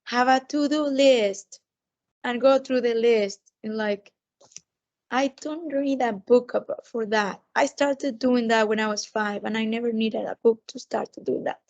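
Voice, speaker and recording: A woman co-hosting a podcast in casual, halting conversation. Her voice sits on the high side and sounds thick from a sore, swollen throat. The recording is a little dull and lo-fi. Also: fairly even intonation. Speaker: podcast co-host. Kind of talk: casual chat.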